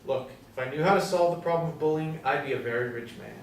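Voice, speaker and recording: Guy playing a touchy pedantic young ice cream guy, kinda high voice, echoey room, mic far off. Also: quick pace, natural voice. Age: 20s. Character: fussy petty young man selling ice cream. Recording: roomy, distant from the mic, faint noise.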